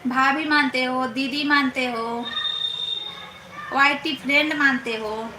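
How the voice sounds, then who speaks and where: A woman's voice: sits high, steady tone, sharp tone. A young woman hosting a casual live stream, teasing viewers and reading their comments aloud. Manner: teasing, playful, drawn-out questioning. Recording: echoey room, faint background noise.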